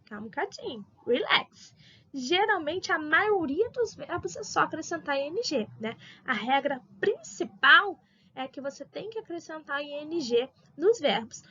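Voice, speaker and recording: A woman teacher with a Brazilian Portuguese accent, patiently explaining grammar step by step with slow examples. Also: sits high, sing-song, bright, forceful tone, dull audio. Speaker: English teacher. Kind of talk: recorded grammar lesson for adult school.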